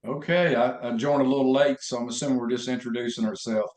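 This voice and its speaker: A man's voice: mid-range voice, steady tone, fast, darkish tone. A man with a Southern accent from Alabama, casually introducing himself to a group. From Alabama, USA. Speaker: meeting participant introducing himself. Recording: roomy echo.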